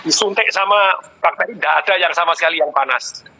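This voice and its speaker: The poor audio carries a little hiss or hum as a middle-aged business coach talks fast in a high voice. In this conversational interview he tells emotional stories animatedly, with many repeated exclamations.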